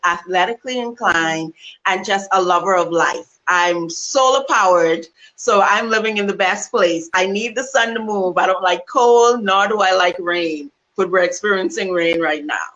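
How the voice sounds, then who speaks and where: A Bahamian woman guest speaking about her advocacy work, warm, upbeat and articulate, on a video call. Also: mid-range voice, a little slow, dull audio. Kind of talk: interview talk.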